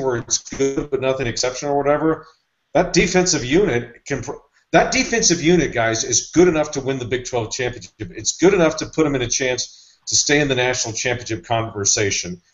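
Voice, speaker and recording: Male co-host, casual sports chat, rambling measured takes, dull audio. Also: medium pitch. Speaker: podcast co-host.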